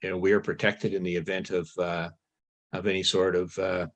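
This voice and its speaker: A male councillor asking a question at a council meeting, halting and deliberate with many pauses and fillers. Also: low voice, level tone.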